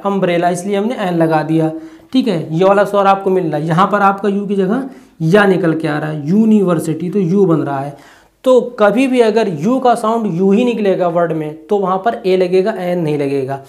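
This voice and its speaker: A teacher giving an exam-prep lesson, stepping through each point by asking a question and then answering it, and checking in often with a quick "okay". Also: mid-range voice. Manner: asks and answers own rhetorical questions.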